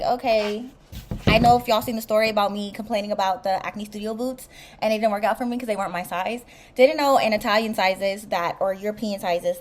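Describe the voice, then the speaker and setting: A young woman, chatting excitedly through a casual unboxing vlog and calling her viewers y'all. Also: mid-range voice, a little hiss or hum. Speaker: vlogger.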